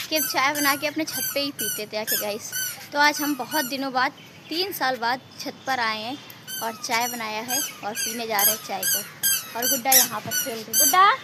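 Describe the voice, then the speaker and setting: A woman, a mother, chatting directly to viewers in a casual home vlog. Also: high voice. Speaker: vlogger, mother. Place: home rooftop and house. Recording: clear background noise.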